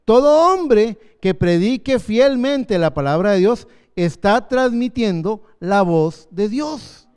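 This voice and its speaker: A man in his fifties preaching a sermon as pastor, earnest, slowing down for emphasis. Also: sits high, expressive, a little mellow, clean tone. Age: 50s.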